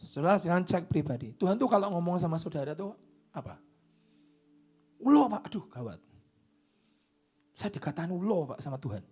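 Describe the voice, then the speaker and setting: A man preaching a sermon into a microphone in church, swinging from loud declarations down to hushed whispers. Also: high voice, big pitch swings, normal speed, pauses often, slightly rough, soft background music. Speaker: pastor.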